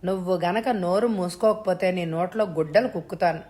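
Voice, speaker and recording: Calm, mocking male extortionist who threatens a mother by phone; a woman narrator voices him. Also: on the low side, fairly quick, natural voice. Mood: threatening. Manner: cold, threatening, mockingly polite. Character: menacing male kidnapper on the phone.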